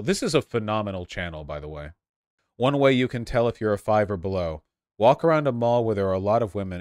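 A man's voice: low voice, no room sound, clean studio sound. A man from Los Angeles, giving sarcastic, laughing live-stream commentary as he reacts to videos, often swearing. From Los Angeles, USA.

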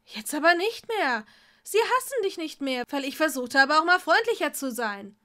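A woman voicing an emotional young male mirror double of a wizard student, loud and upset, in a storybook reading. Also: sits high, big pitch swings, moderate pace, pitched above the performer's own voice, heavily acted.

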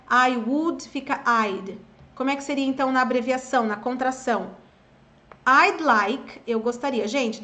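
A high-pitched woman with a Brazilian accent gives a relaxed online English lesson. She explains patiently and chats with her viewers, then drills pronunciation. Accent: Brazilian Portuguese. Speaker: English teacher.

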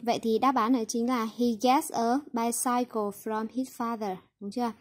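A young adult woman teacher walks through exercise answers in a recorded lesson, her voice sitting a bit high. She slips English words into her explanations and tags almost every point with a quick "right?". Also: flat delivery.

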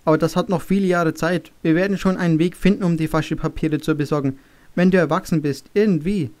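A man's voice: fairly high pitch, fairly even intonation, fast talker, a little mellow, close to an everyday voice. A man putting on a tearful pleading mother. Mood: anxious, urging. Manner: sobbing, pleading.

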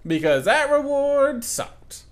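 A man's voice: very high voice, big pitch swings, slow. A young man doing sarcastic let's play commentary, joking with the creatures in the game. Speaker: gaming commentator.

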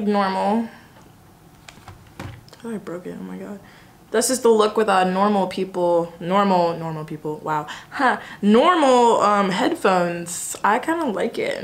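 A woman's voice: medium pitch, slight background noise. A young woman from Alabama, chatting casually to camera in a college common room, self-deprecating and full of fillers. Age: young adult. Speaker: student vlogger. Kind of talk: casual vlog chat.

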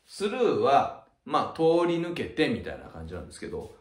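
A man's voice: mid-range voice, wildly swooping pitch, fairly quick. A middle-aged man, head teacher of a cram school, explaining English words in a chatty way, often ending phrases with a tag and acting out sound effects. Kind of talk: explaining vocabulary to students. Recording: echoey room.

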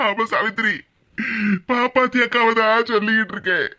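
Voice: mid-range voice, sharp tone, lightly acted. A voice actor playing a remorseful older village husband in a cartoon, with a Kanyakumari Tamil accent, speaking heavily and reluctantly. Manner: heavy, guilt-laden, slow to explain. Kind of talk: cartoon voice acting.

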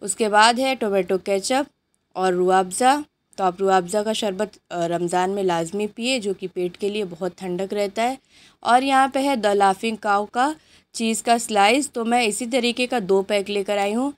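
A woman hosting her cooking channel, chatting unhurriedly through a grocery haul while filming at home on a handheld phone. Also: mid-range voice. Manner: chatty, unhurried listing of items. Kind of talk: grocery haul show-and-tell. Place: indoors at home, items on a patterned rug.

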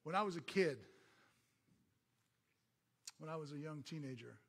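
A middle-aged man who is a pastor, preaching a sermon as an animated story and calling out to the congregation. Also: a little high, moderate pace, creaky, breathy edge.

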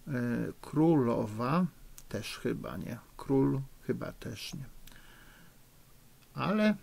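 Male teacher, middle-aged, slow and patient, gravelly, a bit husky. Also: mid-range voice, sing-song, darkish tone. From Poland. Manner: slow, patient, encouraging, spells out spelling rules. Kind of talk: recorded remote lesson for children. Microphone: recording for a lesson video.

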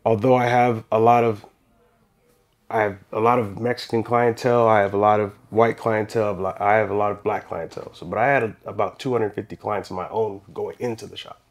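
Brisk and lowish-voiced, this thirtysomething barbershop owner is a guest in a small podcast studio, telling his story interview-style. He rambles easily and restarts sentences, growing livelier whenever he acts out a scene.

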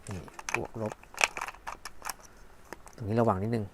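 Low-voiced man demoing a gadget. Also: little pitch movement, takes it slowly, gravelly, very noisy. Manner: chatty, thinks aloud, narrates each button press. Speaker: product reviewer. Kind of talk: casual hands-on product demo. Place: at home indoors. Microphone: phone camera.

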